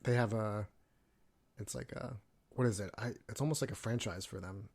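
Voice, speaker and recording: A man's voice: on the low side, normal speed, creaky, darkish tone. A man in his thirties from California, a Navy veteran telling his story as a podcast guest in a loose, profane way, with lots of fillers. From California, USA. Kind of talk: casual podcast interview.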